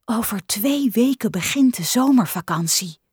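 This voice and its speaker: A woman voicing a patient female kindergarten teacher in a storybook reading, speaking gently and coaxingly. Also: a little high, animated, normal speed, slightly rough, dry recording, clean studio sound, pitched above the performer's own voice.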